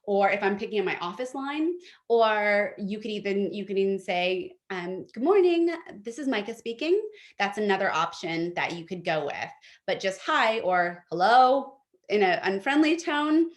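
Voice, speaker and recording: A woman's voice: medium pitch, normal speed. Chatty woman teaching online etiquette. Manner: friendly, practical, chatty with fillers. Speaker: etiquette workshop presenter. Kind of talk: online workshop presentation. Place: home office by a window.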